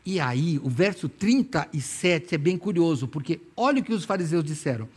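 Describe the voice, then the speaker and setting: A man's voice: fairly high pitch, animated, moderate pace, a little mellow, breathy edge. A Brazilian man in his sixties preaching a sermon in church, telling stories with humor and acting out imagined dialogue. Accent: Brazilian Portuguese. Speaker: pastor. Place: church, evening service.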